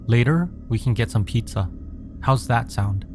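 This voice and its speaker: A man's voice: mid-range voice, expressive, normal speed, natural voice. A man voicing an earnest, emotional and protective young father in a horror story. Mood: tender, concerned. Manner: earnest, emotional, speaking to his small son. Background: background music.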